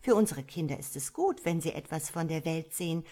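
A woman voicing a gentle, sensible mother starling who speaks with sympathy. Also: low-pitched, expressive, brisk. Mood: caring. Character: kind motherly female starling.

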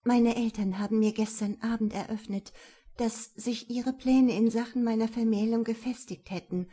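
A woman reading a young noblewoman's lines in an audiobook, urgent and sometimes hushed. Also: fairly high pitch, steady tone, moderate pace, husky. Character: young noblewoman, guarded and clever.

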